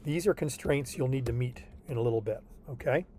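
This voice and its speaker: A man's brisk, mellow, mid-range voice carries an online tutoring session as he patiently guides a student through homework and keeps checking in with "okay?". A little hiss or hum sits in the recording.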